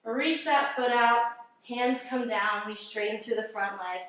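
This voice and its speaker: A woman yoga instructor calmly guiding a workout, giving encouraging breath cues and sounding slightly out of breath. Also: fairly high pitch, measured pace. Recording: very echoey room, mic at a distance.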